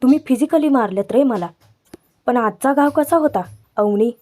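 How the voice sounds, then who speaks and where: A woman's voice: sits high, normal speed, a little mellow. A woman voicing an arrogant young man who taunts a rival couple, in a mocking tone, within a TV serial recap. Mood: taunting. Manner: mocking, gloating.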